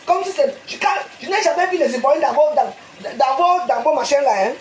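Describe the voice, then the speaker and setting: A woman with a Cameroonian French accent scolds her live-stream viewers in a high, insistent voice. She lectures with rhetorical questions and a pushy "hein?" at the end of her lines. The sound is roomy and echoey, with a faint hiss of noise behind her. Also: animated, fairly quick, darkish tone.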